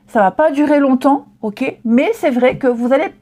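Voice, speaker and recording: Woman tarot reader, high voice with a mellow tone, chatty and reassuring, lots of hesitations. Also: moderate pace. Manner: chatty, reassuring, many fillers and restarts. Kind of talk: casual tarot reading to camera.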